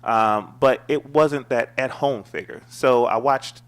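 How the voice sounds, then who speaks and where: A middle-aged man talks casually as a talk show guest. He tells his stories in a playful, animated way and jokes with the host. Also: medium pitch, takes it slowly, smooth. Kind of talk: casual chat.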